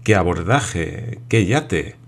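A man voicing a loyal old sailor who answers calmly, puzzled by the questions. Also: low voice, slow pace, gravelly, exaggerated voice. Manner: calm, plain, bewildered.

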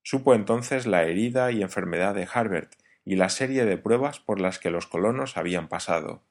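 Low-voiced male audiobook narrator. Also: moderate pace. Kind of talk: audiobook reading.

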